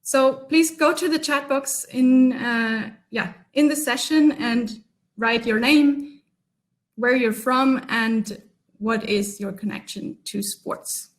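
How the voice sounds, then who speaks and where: A woman from Germany facilitates an online workshop over a video call, her voice sitting high and her pace slow. She keeps things chatty and upbeat, with plenty of ums.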